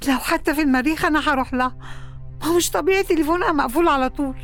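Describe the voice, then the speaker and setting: A middle-aged Egyptian mother who talks fast and presses hard, her voice a touch higher than most. She pleads and insists in a drama scene, faint music under her lines. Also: a bit bright. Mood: anxious. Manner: insistent, agitated. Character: worried mother anxious about her absent daughter. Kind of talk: audio drama acting.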